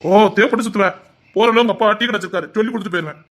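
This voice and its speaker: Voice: mid-range voice, rapid-fire, a bit bright, close to an everyday voice. A performer playing a cocky young village man who is smitten, speaking with a Tirunelveli Tamil accent in a teasing, swaggering way. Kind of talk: amateur drama skit.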